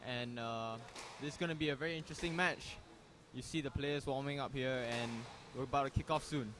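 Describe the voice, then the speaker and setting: A young man giving relaxed, chatty live commentary on a squash match. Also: medium pitch, fairly quick, noisy background. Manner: relaxed, chatty, says "man" and "you never know". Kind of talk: casual live sports commentary.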